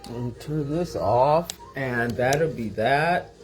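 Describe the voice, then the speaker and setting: A woman's voice: very deep voice, takes it slowly, rough recording. A woman chatting to viewers in her home kitchen as she cooks, rambling and a bit loopy from tiredness. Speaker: small business owner. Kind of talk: casual cooking vlog. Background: sizzling pan and music.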